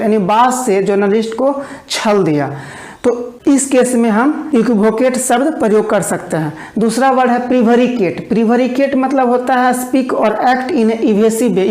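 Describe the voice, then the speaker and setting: A woman teaching English vocabulary in an online exam-prep lesson, explaining each word and then dictating it slowly with repetitions. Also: fairly high pitch, a little mellow, echoey room.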